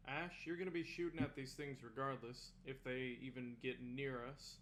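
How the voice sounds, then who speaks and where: A man's voice: medium pitch, fairly even intonation, normal speed, fairly bright tone, a little hiss or hum. A man player in a tabletop game, mixing plans with his character's lines in a playful way.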